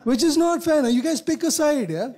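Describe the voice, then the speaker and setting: A man's voice: very high voice, expressive, brisk, warm tone. A man in his thirties from Kerala with an Indian English accent, doing a conversational stand-up comedy set and checking in with the crowd. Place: comedy stage.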